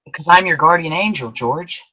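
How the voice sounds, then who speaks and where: An actor voicing Clarence, an earnest second-class guardian angel, with animated, emphatic delivery in an old-time radio play. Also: mid-range voice, normal speed, husky, lo-fi sound.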